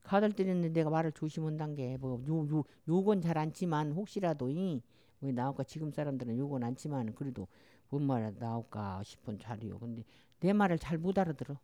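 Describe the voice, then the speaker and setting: In a relaxed interview chat, an older woman from Jeolla tells meandering stories in a strong local dialect. She sounds low-pitched, warm and animated, speaks fairly quickly, and there's no room sound.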